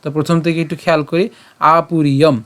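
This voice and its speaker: A man teaching scripture recitation online, breaking each word into syllables and chanting verse lines slowly. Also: a little high, little pitch movement, a bit bright. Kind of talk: online pronunciation lesson.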